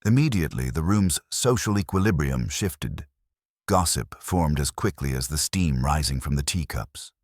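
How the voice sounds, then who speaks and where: In a measured, literary style, a man with an extremely deep voice reads a scripted mystery story, his intonation shifting a good deal. The delivery is animated, and the recording is close and dry with no echo.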